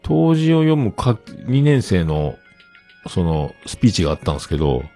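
A man's voice: low-pitched, big pitch swings, normal speed, warm tone, faint music behind. A middle-aged man hosting a show, chatting casually as he tells family stories and acts out other people's lines. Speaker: host. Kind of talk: casual storytelling monologue.

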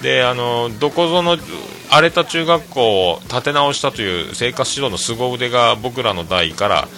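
A middle-aged man from Fukuoka, Japan, a restaurant owner and solo talk-stream host, speaks at medium pitch and normal speed. He tells rambling stories crowded with fillers and animated quoting.

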